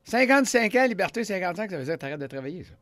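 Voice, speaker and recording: A man's voice: high voice, racing, no echo. A man in his fifties with a Québécois French accent, a show host talking casually and with emphasis in a radio studio. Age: 50s. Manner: animated, emphatic, jokey. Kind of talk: casual talk show chat.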